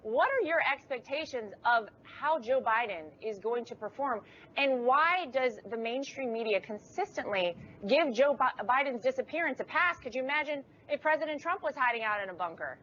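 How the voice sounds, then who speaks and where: A woman hosting a political talk show, talking in a lively, teasing way. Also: high-pitched, normal speed. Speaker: host. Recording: dull lo-fi stream audio with faint noise.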